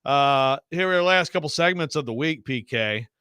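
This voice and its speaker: A man's voice: medium pitch, expressive, moderate pace, bright, forceful tone, clear, resonant tone, dry recording, studio quality. A man hosting casual sports talk radio, wordy and often interrupting himself.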